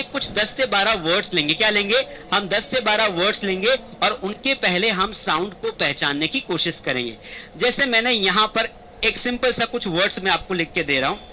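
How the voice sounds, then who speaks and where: Bright-voiced man teaching grammar. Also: sits high, slight background noise, poor audio. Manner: explains patiently, asks and answers his own questions. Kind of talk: classroom-style video lesson. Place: warm teaching room in front of a camera.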